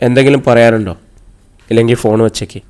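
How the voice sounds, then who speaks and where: A man's voice: medium pitch, steady tone, fast, darkish tone, close to an everyday voice. A man reading the part of a sulky young man who answers curtly and irritably. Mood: irritated. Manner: curt, irritated.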